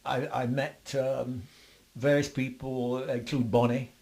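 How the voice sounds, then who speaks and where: An older man, a bass player being interviewed, telling long rambling stories with lots of fillers and restarts. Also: flat delivery, takes it slowly, creaky, darkish tone. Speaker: guest musician, bassist. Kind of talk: interview storytelling.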